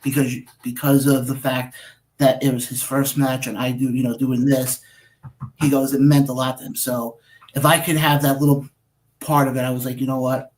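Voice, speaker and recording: A man with an average-pitched voice hosts a radio interview show. He chats easily, asks his guest questions, and tells anecdotes with quoted back-and-forth. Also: little pitch movement, normal speed, low-quality recording. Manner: chatty, telling stories with quoted dialogue. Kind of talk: casual interview talk.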